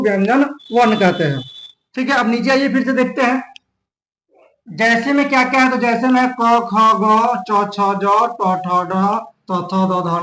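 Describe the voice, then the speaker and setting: High-pitched man teaching in an echoey room. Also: a bit bright. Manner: repetitive, step-by-step explaining. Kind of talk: online grammar lesson.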